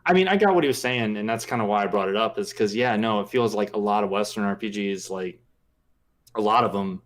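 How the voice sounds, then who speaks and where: Young male podcast co-host, lower voice, loose rambling chat. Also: fairly quick. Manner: rambling, chatty, filler-heavy. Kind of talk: casual chat.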